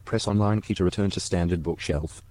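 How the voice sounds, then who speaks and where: A male text-to-speech voice from a talking device, reading text in an even, machine-like way. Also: deep voice, brisk, a little hiss or hum. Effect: synthetic text-to-speech voice.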